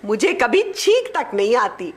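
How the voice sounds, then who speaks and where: A woman's voice: on the high side, big pitch swings, unhurried. A woman voicing a bossy elderly mother-in-law in a cartoon, fussing and scolding in a sing-song way. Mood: preachy. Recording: music in background.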